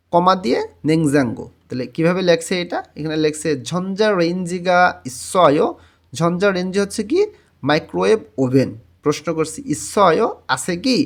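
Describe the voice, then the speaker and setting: Guy teaching words, says each one twice slow, kinda high voice. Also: creaky. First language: Bengali. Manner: repeats each word twice, slow and drawn out. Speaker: Korean language teacher. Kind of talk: textbook vocabulary lesson.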